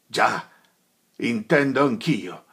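A man's voice: sits low, steady tone, takes it slowly, vocal fry, fairly bright tone, husky, full character voice. A man voicing a desperate, furious young man in an audiobook, breaking into rising outbursts.

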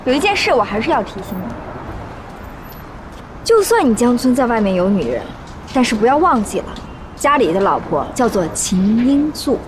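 Stubborn, cold young wife. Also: female voice, fairly high pitch, big pitch swings, moderate pace, pauses often, noisy background. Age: young adult. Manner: cold, firm. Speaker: daughter, wife. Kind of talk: TV drama acting.

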